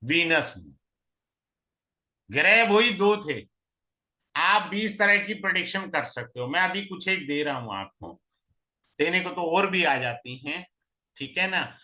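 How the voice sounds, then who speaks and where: A man's voice: on the high side, lively intonation, a little slow, bright, forceful tone. A man teaching astrology in a recorded lesson, mixing in English terms and asking the class questions that he answers himself. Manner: mixes in English terms and repeats key phrases. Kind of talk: recorded online lesson, explaining step by step.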